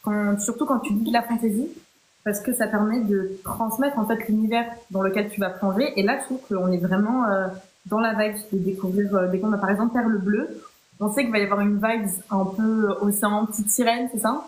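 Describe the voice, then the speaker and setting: A woman's voice: medium pitch, steady tone, a little fast, darkish tone. A woman hosting a live chat, talking playfully and chattily with many fillers and restarts. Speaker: live stream host. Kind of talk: casual chat. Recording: roomy echo.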